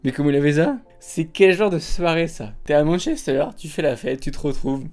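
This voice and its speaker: A man's voice: a little high, a little fast, darkish tone, soft background music. A young man doing casual, joking reaction commentary on videos, often laughing.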